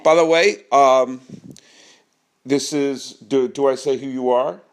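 A man's voice: medium pitch, steady tone, slow. A man hosting a casual baseball podcast, joking and projecting as he performs. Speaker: podcast host.

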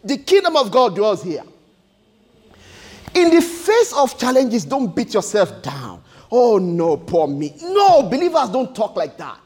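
A man's voice: very high-pitched, huge pitch swings, measured pace, slightly rough. A man preaching a sermon in an emphatic, repetitive way, often restarting his words.

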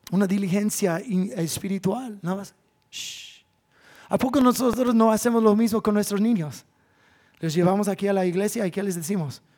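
A high-voiced man, a pastor giving a sermon in church, moves between loud, drawn-out appeals and hushed asides.

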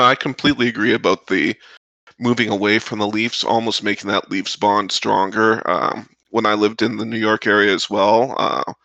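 Man, lowish gravelly voice with bright edge, dry close mic, laid-back chatter. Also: no echo, highs cut off. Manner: relaxed, many uh fillers. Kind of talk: casual chat.

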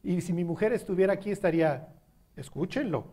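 Mexican guy preaching, fairly high voice, casual and conversational, asks if everyone gets it. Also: expressive, moderate pace, darkish tone. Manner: conversational, asks the audience questions. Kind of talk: sermon.

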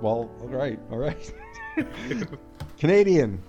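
A man in casual comedy banter, loose and laughing, with a lively, bouncing pitch. Faint music plays behind him. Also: slow, dull audio.

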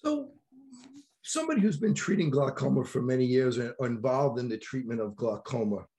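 A middle-aged man with a New York accent, interviewing a colleague in a measured, conversational way. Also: medium pitch, animated, warm tone. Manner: conversational, measured questions with fillers. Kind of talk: professional interview.

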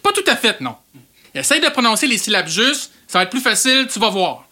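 Brief: woman plays a fussy Quebec amateur director, animated, exasperated corrections. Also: on the high side, fairly quick, full character voice. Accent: Quebec French.

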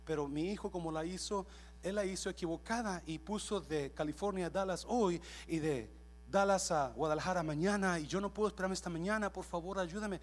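A man's voice: high voice, pitched above the performer's own voice. A man voicing a desperate middle-aged woman who pleads in a rush for help. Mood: pleading. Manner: pleading, rushed.

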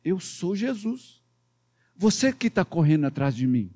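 A man with a Minas Gerais accent voicing a solemn divine voice calling out from a bright light, in a low, questioning tone. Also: big pitch swings, unhurried, exaggerated voice.

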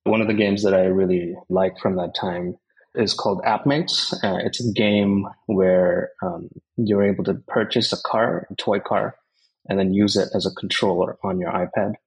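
A man from India, a tech company co-founder, answering interview questions in a measured, explanatory way. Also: low voice, steady tone, low-quality recording.

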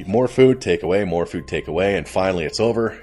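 A man's voice: low-pitched, a little mellow. A man hosting a casual comedic recap of a TV episode, rambling and amused at his own retelling. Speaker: host.

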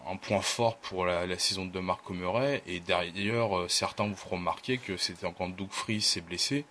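A man's voice: low voice, normal speed, bright, forceful tone, slight background noise. A man talking casually on a podcast, thoughtful and hesitant, with many fillers and restarts. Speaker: podcast guest, team fan.

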